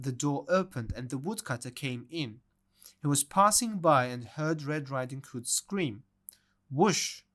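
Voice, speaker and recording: Male storybook narrator, slow, deliberate read-aloud. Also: a little high, a bit bright.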